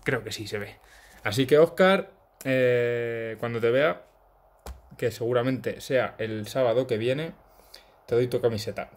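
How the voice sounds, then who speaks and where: A man's voice: mid-range voice, steady tone, unhurried. A man in his thirties with a Peninsular Spanish accent, chatting casually to camera as a vlogger at home. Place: room at home, indoors. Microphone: phone close to face.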